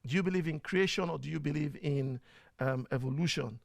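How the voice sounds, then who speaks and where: Here a host with a Nigerian accent keeps a casual live-stream chat going, filler-heavy and fairly quick. His pitch is a bit high and gravelly, and the recording is dry and close, without any room ambience.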